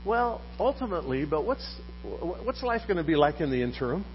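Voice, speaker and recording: A man's voice: a little high, moderate pace. A man preaches in a church, his voice swinging up and down as he quizzes the congregation. The recording is dull and a faint electrical hum sits underneath. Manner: lively, poses questions to the congregation. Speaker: pastor. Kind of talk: sermon.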